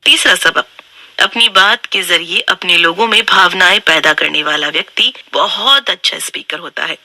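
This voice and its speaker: A woman narrating a book summary in a steady, instructive, scripted way. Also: on the low side, normal speed, dry recording.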